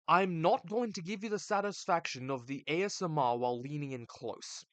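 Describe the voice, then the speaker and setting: A man's voice: a little high, moderate pace, a bit bright, no echo. A young man live-streaming, casually reading chat aloud and bantering back in a slangy, laid-back way on a desk mic. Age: young adult.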